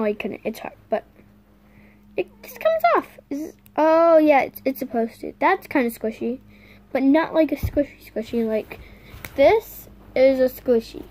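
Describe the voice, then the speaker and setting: A woman vlogging an unboxing, talking straight to her viewers in a halting, complaining way. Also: high voice, darkish tone. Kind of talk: casual unboxing chat to viewers.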